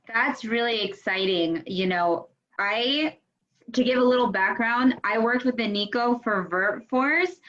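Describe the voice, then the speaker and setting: A woman's voice: medium pitch, a bit bright. A woman hosting an interview over a video call, chatty and upbeat as she introduces her guest. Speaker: host, company head. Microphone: video call microphone. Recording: dull lo-fi video call audio.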